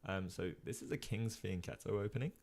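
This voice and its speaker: A young man talks through chess games for a live-stream audience in a casual, rambling way. His voice sits very low and carries a gravelly fry, and he leans on frequent ums and uhs while he thinks aloud and answers the chat. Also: fairly quick, darkish tone. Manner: chatty, many ums and uhs, reads chat.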